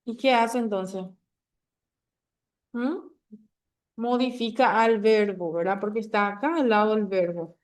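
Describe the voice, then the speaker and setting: A woman's voice: medium pitch, measured pace, long pauses. A woman teaching a grammar lesson to a class, patient and checking understanding often.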